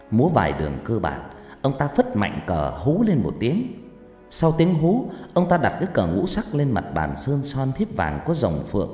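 Lively male audiobook narrator, echoing room. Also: medium pitch. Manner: lively, expressive reading. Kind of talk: storytelling narration. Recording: roomy reverberant recording, faint music.

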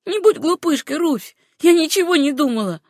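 A woman reading an audiobook, voicing a gentle, naive young woman with a light, sympathetic manner. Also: high voice, expressive, normal speed, dry recording, studio quality, pitched above the performer's own voice. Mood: coaxing.

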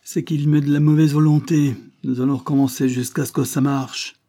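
A man's voice: medium pitch, level tone, brisk, warm tone, pitched above the performer's own voice, lightly acted. A man voicing a brutal, bullying male fairground acrobat master who barks sneering orders. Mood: sneering, furious.

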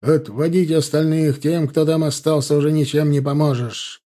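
A man reading the part of a stern cavalry captain who barks orders at his squadron, his voice mellow and husky. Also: a little high, expressive, normal speed. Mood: commanding. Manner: barking commands.

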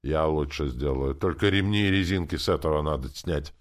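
A man voicing a boisterous, hard-drinking old village carpenter who talks in a loud, bossy, folksy way. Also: extremely low pitch, a little fast. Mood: curious.

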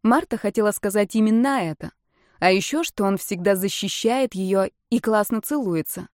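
A woman reading a novel aloud in measured, even scripted narration. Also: mid-range voice, no echo, clean studio sound. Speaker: audiobook narrator.

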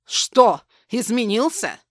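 A woman's voice: mid-range voice, animated, measured pace, a bit bright, no echo. A woman narrator doing an unhinged, vengeful man in an audiobook, snarling and barking threats. The read is close and dry, with no room sound around it. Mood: menacing. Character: vicious vengeful male ex-husband, unhinged. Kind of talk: audiobook dialogue.

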